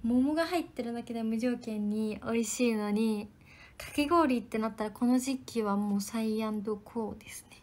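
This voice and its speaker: A young woman with a voice sitting a little above the usual range chats through a casual livestream, answering viewers' comments one by one. She stays polite, with a lively, friendly tone. Every so often she drops into a soft whisper for quick asides to herself. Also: fairly high pitch. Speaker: idol trainee livestreamer.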